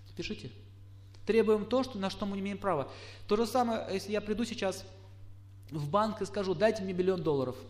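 High-voiced man lecturing a live audience. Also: a little fast. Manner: lively, acts out quoted spouses, asks the room questions. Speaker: astrologer lecturer.

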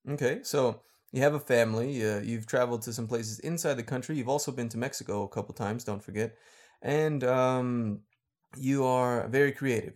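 A man's voice: mid-range voice, a little mellow. A man hosting a casual podcast, explaining things for listeners and laughing often. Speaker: podcast host and teacher.

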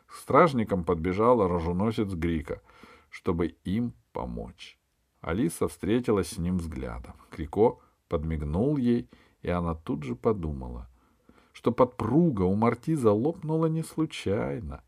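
A man narrating a children's adventure audiobook in a lively storytelling read. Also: low-pitched, unhurried, vocal fry, no echo, clean studio sound. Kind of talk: scripted narration.

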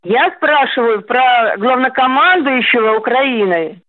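A woman calling a radio show, slowly asking puzzled questions over a phone line. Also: sits high, animated, a crowd in the background. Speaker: caller.

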